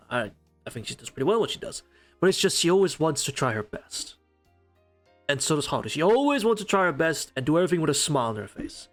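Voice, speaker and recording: A man's voice: on the high side, fairly bright tone. A man casually reading a visual novel aloud on stream, chatty and swearing freely.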